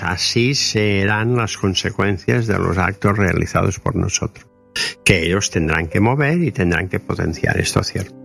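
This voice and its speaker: A man speaks in a deep, gravelly voice. He explains spiritual ideas slowly and earnestly, and faint music plays behind him. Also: fairly bright tone. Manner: slow, deliberate, earnest explaining. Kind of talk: reflective spiritual talk.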